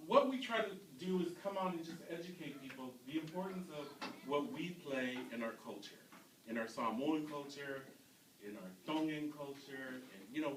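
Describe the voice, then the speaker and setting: A man's voice: a little high, fairly bright tone. A man telling stories to a youth class as a community speaker, often asking the audience questions. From United States. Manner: storytelling, asks the audience questions. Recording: roomy, from a distance, faint noise.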